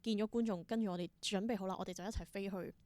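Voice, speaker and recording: Appearing as an interview guest, a theatre performer and creator with a Hong Kong Cantonese accent tells stories in a casual, conversational way, acting out snippets of dialogue. She talks rapid-fire in a mid-range, slightly mellow voice with fairly even intonation, and there is no echo.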